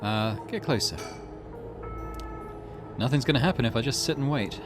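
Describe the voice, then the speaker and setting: Speaking at medium pitch and normal speed, this gaming channel host chats casually through a let's play, thinking aloud and reading out game text. Game music runs behind his voice.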